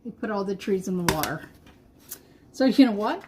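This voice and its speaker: A woman's voice: mid-range voice, lively intonation, normal speed, background noise. A middle-aged woman hosting a live craft stream, chatting casually with viewers and talking to herself as she paints. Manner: chatty, talks to herself and to viewers, laughs at her own slips.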